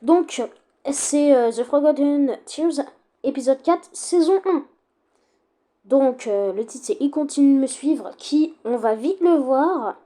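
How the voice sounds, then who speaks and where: High, mellow-voiced young woman reacting. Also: animated, slow pace. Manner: playful, teasing, talks straight to the creator. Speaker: reaction video host. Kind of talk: casual reaction commentary.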